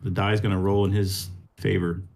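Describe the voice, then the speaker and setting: A man's voice: deep voice, little pitch movement, moderate pace, vocal fry, darkish tone. A man playing in a tabletop game, chatting casually and rambling with lots of "like". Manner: rambling, says "like" a lot. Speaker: player.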